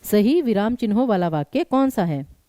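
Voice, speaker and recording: A woman teacher, leading a live online exam-prep class and talking straight to her students in an animated way. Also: medium pitch, normal speed, no echo. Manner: animated, addresses students directly.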